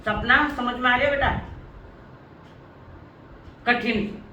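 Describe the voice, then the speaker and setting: A woman teaching a religious lesson to an online class. She speaks slowly and deliberately, repeats her points and calls on her students by name. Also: on the high side, fairly even intonation, bright, forceful tone, reverberant, distant mic, lo-fi sound, slight background noise.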